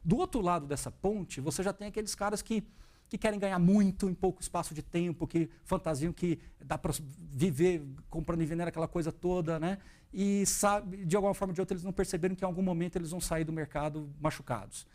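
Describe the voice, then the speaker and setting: A man's voice: high voice, quick pace. A man in his thirties from Brazil, a guest speaking earnestly and with animation about his path as an investment educator. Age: 30s. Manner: earnest, animated, quotes his own thoughts. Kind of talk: interview, reflective storytelling.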